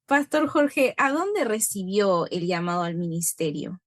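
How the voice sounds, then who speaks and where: A woman's voice: medium pitch, big pitch swings, unhurried, dry recording, clean studio sound. A woman hosting an interview, asking friendly questions and reacting with affirming remarks. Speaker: interview host.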